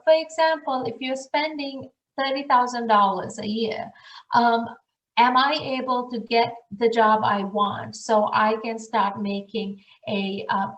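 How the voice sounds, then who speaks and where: With the highs cut off, this recording captures a woman's slightly high voice in an echoey room, far from the mic, for an online webinar. She directs international programs, comes from Sri Lanka, and earnestly advises her audience while asking them rhetorical questions.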